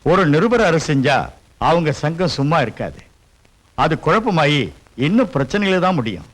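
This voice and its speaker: An actor playing a cautious government official who warns against acting rashly, in dubbed film dialogue. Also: male voice, on the high side, big pitch swings, fairly bright tone. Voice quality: measured, cautious. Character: cautious government official, middle-aged man.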